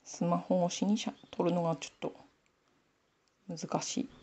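Woman, Nanbu Aomori accent, low voice, gravelly, chatty knitting commentary. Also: steady tone, moderate pace, mellow. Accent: Nanbu dialect of Aomori. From Aomori, Japan. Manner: chatty, talking to herself while knitting. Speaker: sock knitting YouTuber. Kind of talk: casual knitting tutorial chat.

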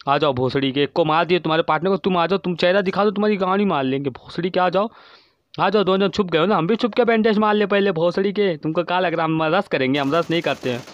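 A man giving profane, frantic commentary while playing an online shooter, constantly shouting at his teammates, recorded on a dull lo-fi mic. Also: sits high, quick pace, dry recording. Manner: swearing, yelling at teammates. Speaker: gaming streamer.

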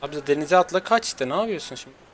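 A man doing excitable, jokey live gameplay commentary at home, jumping to high squeals when he is chased. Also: rapid-fire, a little hiss or hum. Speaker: gaming streamer. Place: home room with an open window.

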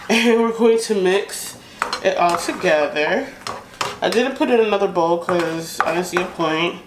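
Cooking at home, this American vlogger talks informally and unscripted, musing aloud in a mid-range voice. A sizzling pan, clicks, and stirring fill the echoey indoor kitchen, where the stove noise is loud.

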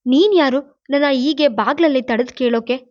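A woman's voice: sits high, normal speed, close to an everyday voice. A woman reading as a bitter young woman. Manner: sharp, bitter retorts. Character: proud, bitter young woman, quick to snap. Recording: dull lo-fi, dry.

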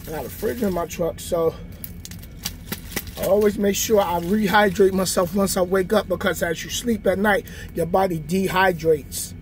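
A man's voice: high-pitched, a little hiss or hum. A man in his thirties, a truck driver, chatting casually to viewers from his sleeper cab while showing a workout. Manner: slow, relaxed talk to viewers, showing a bunk workout. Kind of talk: casual vlog chat. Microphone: phone camera on a stand nearby.

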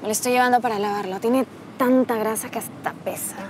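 A woman's voice: fairly high pitch, fairly even intonation, fairly quick, background noise, lightly acted. An actress playing a flustered young Peruvian woman who stammers while covering up her job. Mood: fretful. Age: young adult. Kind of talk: TV sitcom acting.

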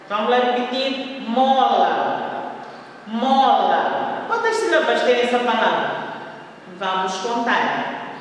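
A first-grade teacher with a Mozambican Portuguese accent talks to children at home in a high, unhurried voice. She repeats each word slowly and counts it out aloud. The recording is roomy and distant, with a long echo and a faint hum behind her. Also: a bit bright. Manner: slow, patient, repeats words and counts syllables aloud. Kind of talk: remote lesson for children at home. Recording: echoey room, voice from a distance.

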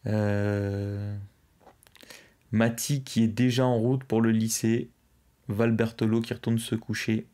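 A man's voice: fairly low pitch, little pitch movement, slow, long pauses, warm tone. A young man hosting a live stream, casually chatting and reading out viewers' messages. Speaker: livestream host. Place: indoors, at a streaming desk.

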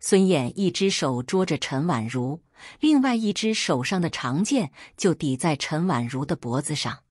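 A woman narrating a first-person story in a steady, dramatic storytelling way, with a husky voice. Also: low-pitched, moderate pace, dry recording, clean studio sound.

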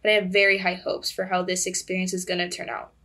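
A woman's voice: lowish voice, monotone, fast, bright, forceful tone. Friendly, slightly nervous teen girl. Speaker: student broadcaster guest. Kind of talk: podcast interview.

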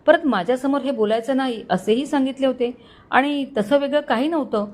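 A woman's voice: high voice, a little fast, darkish tone, close to an everyday voice. A woman voicing a proud, blunt young male student in a spoken story. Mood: stern. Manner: firm, blunt.

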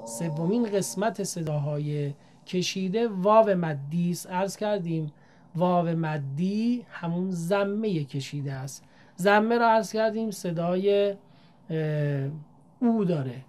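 A woman teaching Quran reading, speaking politely and formally to learners and drawing out each demonstrated syllable in a measured way. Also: on the low side, expressive, a little mellow. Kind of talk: recitation lesson.

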